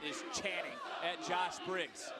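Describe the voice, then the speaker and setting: High-pitched male wrestling commentator, loud crowd. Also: slow pace. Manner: dramatic, excited calling of the action. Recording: loud arena crowd and noise. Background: roaring crowd in a wrestling arena.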